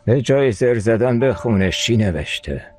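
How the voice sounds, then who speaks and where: A man's voice: lowish voice, expressive, darkish tone, close to an everyday voice. A man dubbing a blunt man of the household in a TV drama, talking in short questioning remarks, with faint music behind. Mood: alarmed. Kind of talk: dubbed TV drama.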